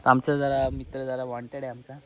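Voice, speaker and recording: A man's voice: mid-range voice, little pitch movement, fairly quick, a little mellow. A man chatting and joking through a casual travel vlog by the sea, filmed on a handheld phone. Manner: chatty, joking, switching between Hindi and Marathi. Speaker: vlogger. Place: outdoors by the sea. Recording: noisy outdoor phone recording.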